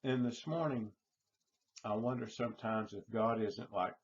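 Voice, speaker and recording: A middle-aged man, preaching a sermon in a slow storytelling manner and repeating his phrases. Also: lowish voice. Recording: dull lo-fi recording.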